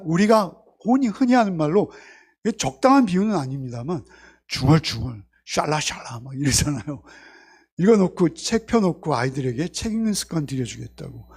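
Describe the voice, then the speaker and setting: Brief: earnest male pastor, high voice, repeats key words and asks rhetorical questions in a church sermon. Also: darkish tone. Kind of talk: Sunday sermon.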